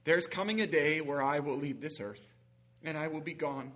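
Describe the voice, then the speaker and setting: Bright-voiced earnest preacher man. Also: a little high, moderate pace. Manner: earnest, folksy, acts out quoted voices. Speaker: guest preacher. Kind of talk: sermon.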